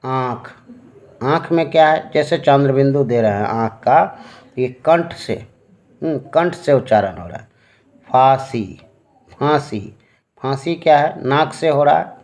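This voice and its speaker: A man's voice: medium pitch, expressive, darkish tone. A man teaching Hindi grammar at a board, explaining patiently and often checking that the children follow. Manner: slow, patient, checks in with "है ना?" and fillers. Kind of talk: classroom lesson explaining at a board.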